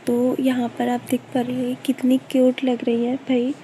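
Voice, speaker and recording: A woman's voice: sits high, monotone, moderate pace, mellow, slight background noise. A young woman, a bridal makeup artist, chatting her way through a voice-over of her makeup video, rambling with many fillers and restarts. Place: dark room at home at night, voice-over.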